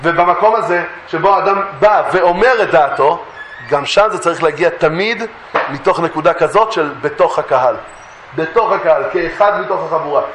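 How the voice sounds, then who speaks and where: A man giving a Torah lesson, telling stories lively and acting out the voices he quotes. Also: a little high, a little hiss or hum. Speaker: Torah teacher. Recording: echoey room.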